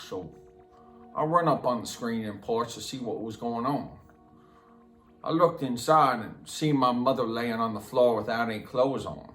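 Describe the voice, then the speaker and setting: An actor delivers a dramatic film monologue as a plain-spoken rural Southern man, simple and slow, confessing in a halting, repetitive drawl with a matter-of-fact air. The voice is natural, medium-pitched and a bit bright, heard in a roomy echo over background music.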